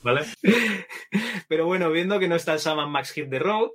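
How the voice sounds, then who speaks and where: A man's voice: fairly high pitch, animated, normal speed, a bit bright. A man from Catalonia co-hosting a podcast in casual chat, reading comments in a jokey, self-mocking way. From Catalonia, Spain.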